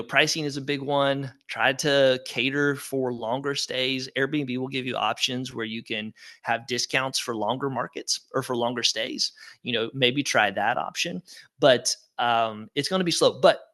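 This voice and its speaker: Upbeat casual man with a bright voice. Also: mid-range voice. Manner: casual, upbeat, conversational with fillers. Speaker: webinar presenter. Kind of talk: live webinar with audience Q&A.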